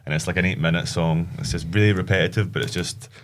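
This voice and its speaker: A man's voice: deep voice, steady tone, quick pace, slight background noise. A man who is a guest on a podcast, telling stories in an easygoing, rambling way. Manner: rambling, easygoing, many fillers. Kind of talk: casual chat.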